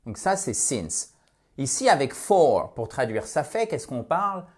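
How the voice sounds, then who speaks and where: A man teaching a language lesson in a lively, explanatory way, slowing down to stress his example sentences and checking in often with the viewer. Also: mid-range voice, slightly rough. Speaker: English teacher.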